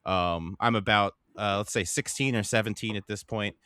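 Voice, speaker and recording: Smooth, lower-voiced laid-back man. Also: pushed and bright, no echo. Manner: halting, laid-back storyteller with restarts. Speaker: podcast co-host. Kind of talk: casual chat.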